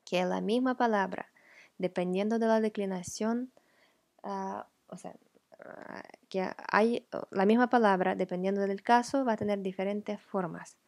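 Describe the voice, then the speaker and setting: A woman with Ukrainian as her first language, patiently explaining grammar as a teacher and repeating example words slowly. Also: mid-range voice, steady tone, gravelly, darkish tone, no room sound.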